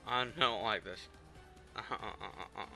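Excitable young-sounding gamer man, very bright voice. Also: fairly low pitch, moderate pace, gravelly, soft background music. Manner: excitable, repeats words when panicking. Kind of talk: let's play commentary.

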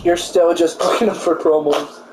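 A man's voice: a little high, fairly even intonation, normal speed, over music. A man joining a gameplay session as a friend, teasing and laughing in casual banter, often saying "mate". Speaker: co-host friend. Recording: noisy background.

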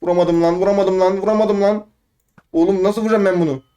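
A young man giving excitable, rambling let's play commentary, trash-talking opponents and talking to himself. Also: sits high, fast talker. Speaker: gaming YouTuber.

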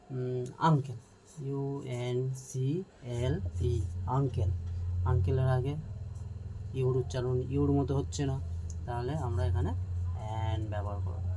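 This is a teacher with a dark, mellow voice who explains a grammar lesson slowly, spelling words out one letter at a time. He keeps checking whether the learners follow along. A faint hiss of background noise sits under the voice. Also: medium pitch, low-quality recording.

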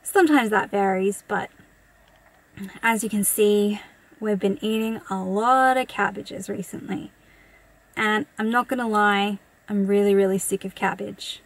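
A woman's voice: medium pitch, steady tone, a little slow, no echo. Chatty Australian woman with a dry, close sound. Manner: chatty, thrifty, matter-of-fact price rundown. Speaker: vlogger. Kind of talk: casual grocery haul vlog. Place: inside a parked car.

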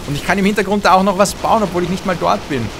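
A young man gives lively, trash-talking commentary over his own gameplay, humming and muttering to himself. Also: high-pitched, very fast, background noise. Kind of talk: excited let's-play commentary. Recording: game sound effects and gunfire behind voice.

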